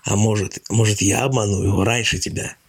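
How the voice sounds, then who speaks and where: A man voicing a timid, wide-eyed young male ghost who speaks in a hushed whisper, with a gravelly voice. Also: lowish voice, fairly even intonation, brisk, no room sound.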